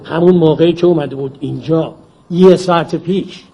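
A man playing a chatty shopkeeper in a dubbed drama, brisk and sales-talking. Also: a little high, mellow, slightly rough, highs cut off. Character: chatty small-town grocer.

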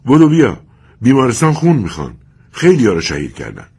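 A man's voice: medium pitch, wildly swooping pitch, creaky, warm tone, slightly rough, pitched above the performer's own voice, full character voice. A man voicing a stern middle-aged father who calls out urgently. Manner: calling out urgently.

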